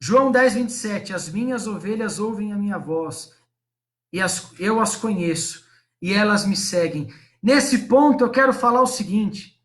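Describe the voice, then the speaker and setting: Male pastor, high voice, live-streamed sermon, talks straight to the viewers. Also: lively intonation, measured pace, fairly bright tone. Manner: preaching, addresses viewers and congregation directly.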